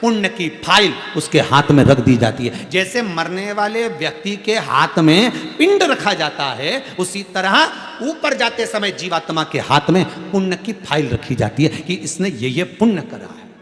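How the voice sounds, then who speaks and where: A man preaching a devotional sermon, telling a scripture story with theatrical, animated delivery, over a mic in a large echoing hall with soft music. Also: high voice, a little slow, few pauses. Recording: echoey hall with long reverb, faint music.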